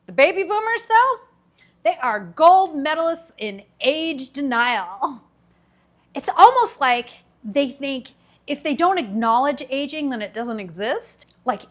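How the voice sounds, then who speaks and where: A woman in her fifties hosts a commentary video, delivering a scripted monologue in a wry, sarcastic tone. Her voice sits high and a bit bright, and she laughs between her jokes.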